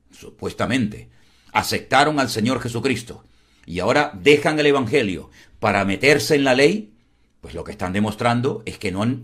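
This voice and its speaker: Male pastor, direct and emphatic, restates his points, medium pitch. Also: fairly bright tone. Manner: blunt, emphatic, repeats phrases. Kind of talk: preaching commentary.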